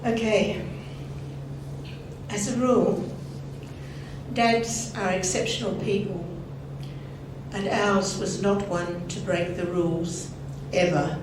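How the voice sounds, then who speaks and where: An older woman delivers a scripted eulogy in a measured, gently wry way. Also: mid-range voice, steady tone. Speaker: eulogist at a family memorial. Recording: very echoey hall, distant mic, noisy.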